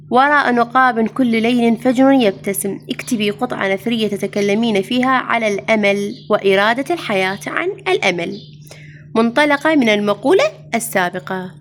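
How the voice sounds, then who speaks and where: A woman teacher with an Iraqi Arabic accent reviews exam answers in a somewhat high voice. She moves through each item patiently, asks her students questions and then answers them herself. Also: a little hiss or hum. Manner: addresses students fondly as "mama".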